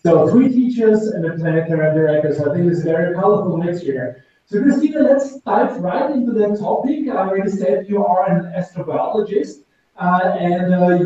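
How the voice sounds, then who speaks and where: A man's voice: sits high, fairly quick, warm tone. A man hosting a live webinar, speaking in a loose, rambling way with many fillers. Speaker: webinar moderator. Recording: roomy and dull from a distant mic.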